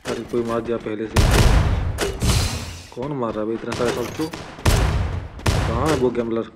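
An excited man narrates his own shooter match live, joking and firing off short urgent calls. His voice sits in a middle pitch. Loud gunfire and blasts from the game run under every word. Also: moderate pace, very noisy. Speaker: gaming streamer. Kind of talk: live gameplay commentary.

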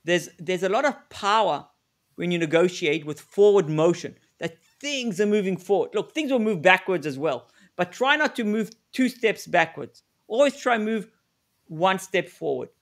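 A man with a high, light voice talks through a live webinar over a video call. He coaches in a direct way, stopping often to restart a sentence or fill a gap. He sounds like an expert walking a team through practical advice. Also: expressive, moderate pace, fairly bright tone. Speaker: negotiation expert presenting a webinar.

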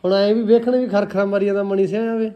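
A man's voice: sits high, level tone, fast, smooth, highs cut off. A man filming a farm vlog outdoors at a stable on a phone, teasing and coaxing his friend with repeated urgings. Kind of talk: casual outdoor banter. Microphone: phone camera.

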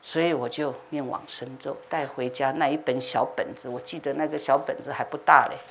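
Animated woman telling a sermon story. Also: extremely low pitch, brisk, a little hiss or hum. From China. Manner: animated, acts out dialogue with laughs and sound effects. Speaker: Buddhist master giving a dharma talk. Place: temple hall.

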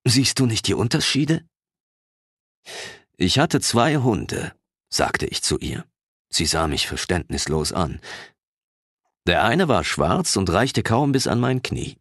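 A man narrating a fantasy audiobook in the first person, telling the story in an expressive, unhurried way. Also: low-pitched, vocal fry, no room sound, clean studio sound.

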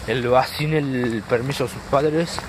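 Young male explorer-vlogger, Argentine accent, casual coarse speech, handheld camera outdoors with clear background noise. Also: medium pitch, steady tone, unhurried. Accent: Argentine Spanish. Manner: coarse, slangy, swearing. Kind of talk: casual vlog chat while exploring. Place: outdoors at night, street and open country. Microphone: handheld camera or phone. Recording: noisy handheld outdoor recording.

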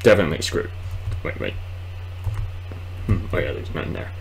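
The audio is clearly noisy, captured in a small room of his home, as a young man in his twenties rambles and mutters hesitantly through casual let's play commentary. His low-pitched voice swings widely in pitch at a moderate pace. He works as a gamer and video host.

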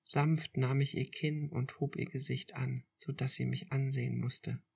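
A woman reading a first-person romance story aloud in a slow, intimate storytelling manner. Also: extremely low pitch, fairly even intonation, creaky, darkish tone, slightly rough. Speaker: podcast reader.

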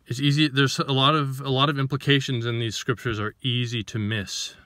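A man's voice: medium pitch, little pitch movement, fairly quick, sharp tone, no room sound. A man giving an informal sermon to the camera, reading scripture and then explaining it with rhetorical questions and a few restarts as he searches for words.

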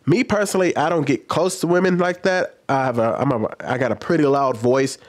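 His voice is medium in pitch and brisk: an American man in his thirties giving casual, conversational opinion commentary as a host, often questioning himself aloud. He speaks into a boom-arm microphone in a small home room studio.

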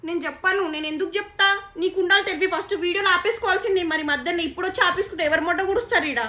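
A woman's voice: very high voice, rapid-fire, crowd noise. A young woman, confronting her partner in an on-camera argument and demanding reasons. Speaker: channel owner. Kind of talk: heated couple argument on camera.

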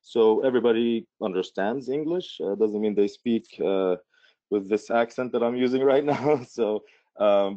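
Jordanian man, low and dry-sounding, chatty presenter who fills pauses with ums. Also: warm tone, dry recording. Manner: casual, many fillers and restarts. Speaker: tourism board presenter. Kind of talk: webinar presentation. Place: Washington D.C. remote setup. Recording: dull lo-fi audio.

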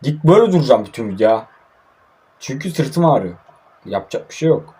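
A man's voice: mid-range voice, very animated, a little fast, dark tone, breathy edge. A young man from Turkey giving casual, frustrated commentary while playing a mobile football game, grumbling and swearing often.

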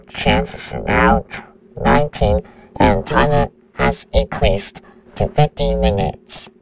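A man's voice: lowish voice, rough recording. A synthetic male voice playing a menacing computer virus that announces countdowns in a robotic tone.

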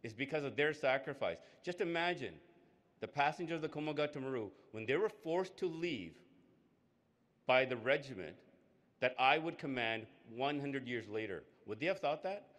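A man, a politician giving a halting speech from a podium in a hall. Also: medium pitch, lively intonation, a bit bright. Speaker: politician co-hosting an event. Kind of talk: public speech. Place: indoor hall, on stage at a podium. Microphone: podium microphone.

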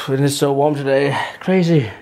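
In a casual daily vlog, a Danish man in his thirties speaks in a medium-pitched, fairly even and unhurried voice with vocal fry and a slightly mellow quality. Holding the camera at arm's length on a windy beach, and partly at home, he rambles, laughs frequently and baby-talks his dog while wind hits the mic.

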